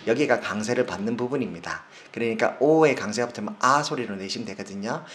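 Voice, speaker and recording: A man, a doctor, explaining medical specialties in a casual lesson, slowing down to spell and stress English terms, with frequent fillers and self-corrections. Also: medium pitch, animated, fairly bright tone, slight background noise.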